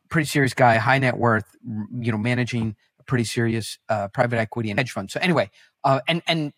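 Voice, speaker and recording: Halting, animated man telling stories on a podcast. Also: medium pitch, no echo. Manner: halting, self-correcting, animated anecdotes. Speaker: podcast guest. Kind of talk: podcast interview storytelling.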